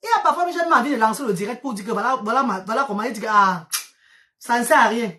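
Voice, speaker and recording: A fast-talking Cameroonian vlogger, a native Medumba speaker, addresses her followers in accented French, storytelling in a chatty, exclaiming, animated way. Her pitch is a little high. She mixes English words into her French and often repeats herself.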